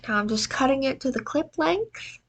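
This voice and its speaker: A woman's voice: sits high, animated, normal speed. A tired, exhausted-sounding woman with allergy congestion narrates a tutorial in a casual, self-deprecating way. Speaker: video editing tutorial presenter.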